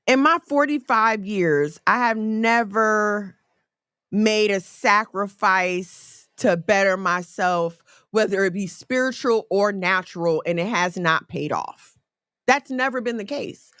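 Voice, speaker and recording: Bright-voiced woman in her forties. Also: medium pitch, slow pace, smooth, dry recording, clean studio sound. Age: 40s. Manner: conversational, folksy, animated storytelling with asides. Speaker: faith talk host. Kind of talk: casual faith talk.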